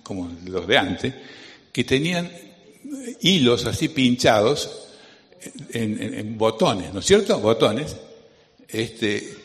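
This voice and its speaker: A man's voice: mid-range voice, very animated, slow, long pauses. A man preaching with a Rioplatense Spanish accent in a conversational, digressive way, full of anecdotes and tag questions. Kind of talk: conversational sermon. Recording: long reverb of a hall.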